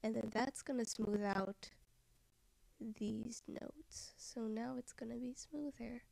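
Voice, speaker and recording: Female tutorial narrator, low-key and slow, mellow fry-edged tone, dry close sound, drifts into whispers. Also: fairly even intonation, no room sound. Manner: soft-spoken, often trailing into a whisper. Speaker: software tutorial maker. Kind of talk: screen-recorded software tutorial voice-over.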